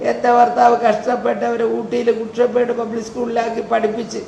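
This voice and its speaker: An elderly woman crying as she haltingly recounts family grievances, repeating her words. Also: on the high side, level tone, creaky, dark tone, roomy sound, a little hiss or hum, low-quality recording. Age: older. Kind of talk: emotional personal account.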